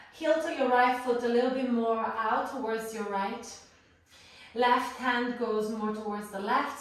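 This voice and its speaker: A woman teaching a guided yoga class, calmly cueing breaths and poses, a little out of breath from moving while she talks. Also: on the high side. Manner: calm cueing of breath and poses, playful asides. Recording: roomy echo, voice far from the mic.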